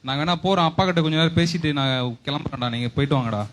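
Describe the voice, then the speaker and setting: A young man playing a quick, anxious, earnest believer. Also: on the high side, fairly bright tone, a little hiss or hum, lightly acted. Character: earnest young man torn about church ministry. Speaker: lead in a church skit.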